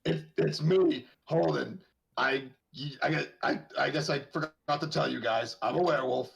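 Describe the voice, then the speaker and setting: Man putting on a gruff, casual werewolf boss. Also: mid-range voice, normal speed, rough recording. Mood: bluffing, casual. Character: dead werewolf puppeted as a casual gang boss.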